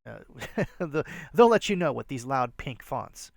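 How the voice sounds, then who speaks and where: A man's voice: medium pitch, sing-song, a little slow, vocal fry, dry recording, clean studio sound. A man hosting a resale vlog, talking casually and rambling with many fillers, sounding a bit nasal today. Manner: rambling, filler-heavy, self-deprecating. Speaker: resale channel host. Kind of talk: casual show-and-tell vlog.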